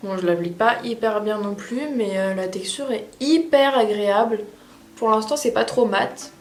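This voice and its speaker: A woman's voice: mid-range voice, moderate pace. A woman chatting casually as a beauty vlogger while testing makeup, rambling with frequent hesitations. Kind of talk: casual makeup tutorial chat. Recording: echoey room with faint music.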